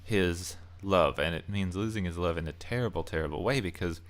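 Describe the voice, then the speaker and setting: Speaking a little fast in a low voice, a man who hosts a video channel riffs on game movies. It's casual, spur-of-the-moment commentary, with his thoughts coming out in fragments.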